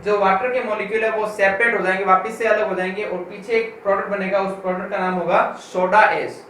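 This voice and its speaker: A man teaching a school chemistry class. He speaks, asks the class questions and answers them himself, and repeats key terms slowly. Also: high voice, steady tone, a bit bright. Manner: reads English textbook lines slowly, word by word. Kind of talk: classroom lecture. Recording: echoey room from far off, with faint noise.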